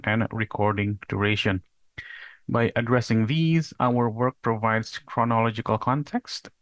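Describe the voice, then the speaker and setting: A young PhD researcher from Indonesia speaks in a mid-range voice during a recorded conference talk. His delivery is measured and explanatory with the odd rhetorical question, and there is no room sound.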